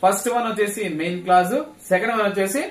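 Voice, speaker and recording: A man's voice: high voice, steady tone, fast talker. A man teaching English grammar to a class, asking questions and repeating the key terms for students to echo back. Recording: echoey classroom, mic at a distance, faint noise.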